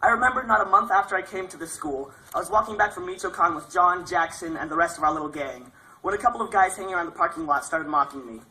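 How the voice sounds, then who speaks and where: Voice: mid-range voice, fast talker, sharp tone, poor audio. A young adult speaker delivering a prepared graduation speech as a graduating student.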